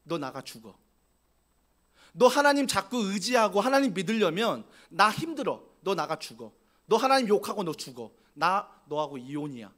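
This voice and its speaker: A man's voice: high-pitched, very animated, normal speed, a bit bright. A male pastor quoting an angry, desperate wife scolding her husband, bluntly, during a sermon.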